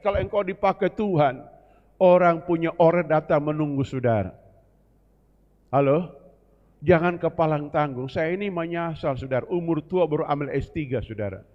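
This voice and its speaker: A male pastor preaching a sermon, exhorting the congregation and calling on them to answer amen. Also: a little high. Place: church. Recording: dull sound in a reverberant church hall.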